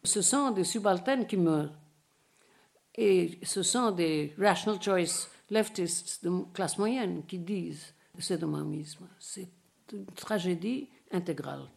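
A woman's voice: lowish voice, takes it slowly, vocal fry, a little mellow. Older woman lecturing formally. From India. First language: Bengali. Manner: dense formal reading broken by hesitant asides in English. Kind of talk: academic lecture read from a prepared text.

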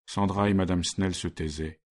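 A man narrating a story in a measured, steady way. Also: deep voice. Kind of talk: scripted narration.

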